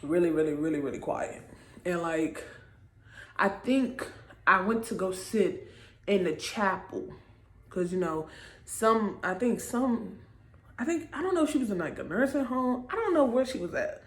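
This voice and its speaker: A woman's voice: medium pitch, expressive, normal speed. A young woman in her twenties telling a personal story to camera in a casual, conversational way, checking in with viewers with little asides. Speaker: vlogger. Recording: roomy echo.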